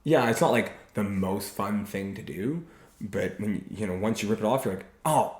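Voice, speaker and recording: Speaking in a lowish, slightly mellow voice, a man hosts a podcast on relationships. He chats in an earnest, careful way at a slow pace, recorded in an echoey space with faint noise.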